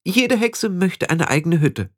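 A man reading the part of a vain, proud young witch girl in a high, boastful voice. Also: sing-song, unhurried, a bit bright, no echo, studio quality, full character voice. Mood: proud, anxious. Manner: high, boastful, near tears.

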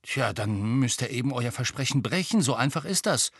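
A man voicing an excitable teenage schoolboy who talks bluntly and with exasperation, pushing his point with raised pitch. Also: normal speed, breathy edge, dry recording, clean studio sound. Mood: insistent. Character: excitable teenage boy pupil, blunt and worried.

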